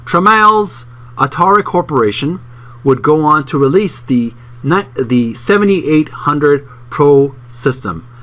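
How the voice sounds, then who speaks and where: A channel host reads a book aloud and addresses his listeners courteously, now and then stumbling and correcting himself. His voice is a little high with a fairly bright tone, and music plays in the background.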